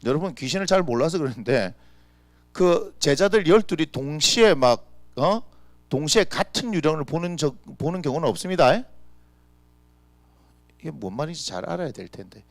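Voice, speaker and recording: Animated gravelly-voiced male pastor. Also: fairly high pitch, normal speed, pauses often, no echo. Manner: animated, full of rhetorical questions. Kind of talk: lively conversational sermon. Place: church.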